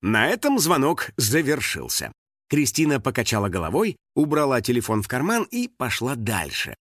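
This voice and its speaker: A man narrating a children's story in an audiobook with expressive storytelling. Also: medium pitch, moderate pace, dry recording, clean studio sound. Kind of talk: scripted narration.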